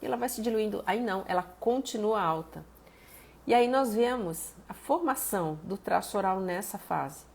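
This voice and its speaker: A woman's voice: mid-range voice, lively intonation, moderate pace, creaky, a little mellow. A Brazilian woman therapist giving a live-streamed teaching talk, explaining step by step, greeting viewers by name and using homely examples. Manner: fond of diminutives, homely examples. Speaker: therapist and body analyst.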